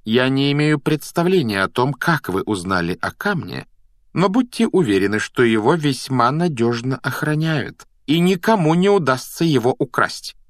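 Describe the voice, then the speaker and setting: A man's voice: medium pitch, very animated, dry recording, studio quality, pitched above the performer's own voice, lightly acted. Professor McGonagall, stern and cold, as a man puts her on. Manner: cold, clipped, measured. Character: stern strict older woman professor.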